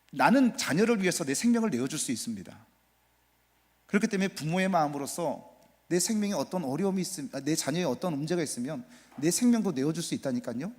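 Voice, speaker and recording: A man preaching a Sunday sermon as pastor, building to loud emphatic repetitions and dropping to soft, near-whispered asides, with rhetorical questions to the congregation. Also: on the high side, husky. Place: church sanctuary. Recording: long church reverb.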